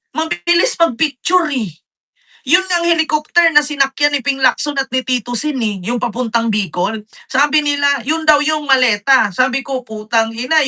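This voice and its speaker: A man doing live political commentary for his viewers, retelling an argument in combative back-and-forth quotes and speaking straight to his audience. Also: very high-pitched. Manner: addresses viewers directly, gives shoutouts. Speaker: political vlogger.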